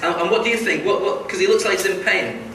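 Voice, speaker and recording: A man with a high voice hosts a live comedy hypnosis show. He teases volunteers and repeats himself as he works the stage. His voice comes from far off in an echoing hall, with clear noise behind it. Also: fast talker. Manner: teasing, repeats answers and instructions. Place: large indoor theatre stage with audience. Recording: echoey noisy theatre, distant sound.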